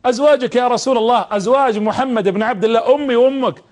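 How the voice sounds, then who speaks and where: A man's voice: very high voice, very fast, darkish tone. A man preaching on television from a studio, talking emphatically, repeating words and putting direct questions to viewers. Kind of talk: televised religious talk to viewers.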